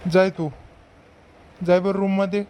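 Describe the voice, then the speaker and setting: A man with a Varhadi Marathi accent playing a kindly older father-in-law who soothes and gently lectures in a village comedy skit. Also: sits high, level tone, measured pace, slight background noise. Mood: lecturing.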